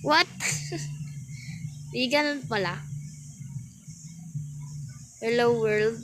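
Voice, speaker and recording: A woman's voice: on the high side, extremely slow, poor audio. A woman with a Filipino accent giving chatty, laughing commentary on a Roblox game, talking to her viewers. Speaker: gaming YouTuber. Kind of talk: casual Roblox gameplay commentary. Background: game music.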